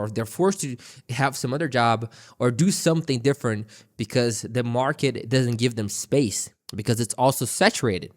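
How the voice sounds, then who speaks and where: Sweary Brazilian man reacting to a clip. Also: mid-range voice. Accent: Brazilian Portuguese. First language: Portuguese. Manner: blunt, sweary, exasperated asides. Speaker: reaction streamer. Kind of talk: casual reaction commentary.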